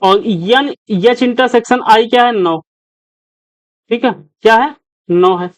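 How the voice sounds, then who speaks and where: Male coaching teacher, talks through sums, asks the class as he goes, crisp dry sound. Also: extremely high pitch, slow pace, dry recording, rough recording. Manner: repeats questions to the class as he works. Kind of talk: step-by-step problem solving lesson.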